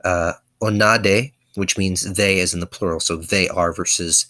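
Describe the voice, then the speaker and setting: A man's voice: deep voice, steady tone, measured pace, bright, forceful tone. A man casually explaining his constructed language's verbs in a video lesson, hesitant, with frequent ums and self-corrections. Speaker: conlang teacher.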